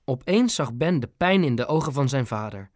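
A man's voice: mid-range voice, lively intonation, moderate pace, no room sound, clean studio sound. Man narrating a children's audiobook. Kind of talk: scripted narration of a children's book.

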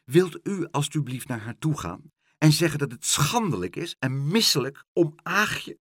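A man's voice: mid-range voice, huge pitch swings, moderate pace, a bit bright, breathy edge, dry recording, clean studio sound, exaggerated voice. A man voicing a small, earnest boy in a storybook reading, indignant and outraged. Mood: pleading.

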